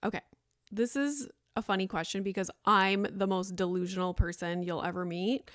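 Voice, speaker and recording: A woman's voice: medium pitch, steady tone, normal speed, no echo, clean studio sound. A woman in her thirties hosting a solo podcast, talking in a chatty, rambling way with lots of "like" and fillers. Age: 30s. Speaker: podcast host.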